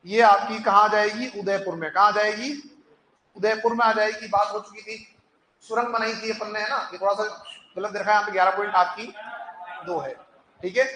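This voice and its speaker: A man's voice: high-pitched, bright, forceful tone. A male teacher giving an exam-prep lecture. He puts questions to the class, answers them himself and drills the key points again and again. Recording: echoey room with faint noise.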